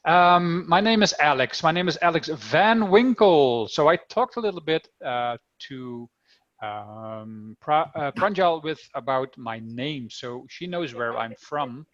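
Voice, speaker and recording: Here the Dutch teacher sounds on the high side, expressive and measured, with a slightly bright tone as he chats upbeat with kids in his online coding class. The audio is dull, with no room sound.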